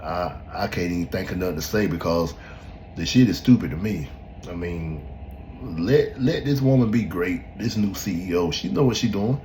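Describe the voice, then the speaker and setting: A man with a very low, deep voice hosts a podcast and talks straight to his listeners. He speaks bluntly and with emphasis, swearing now and then in loose, unscripted commentary. A faint hiss sits behind the voice. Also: normal speed, darkish tone, rough recording. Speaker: podcast host. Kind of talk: casual opinion commentary. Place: at home in front of a laptop.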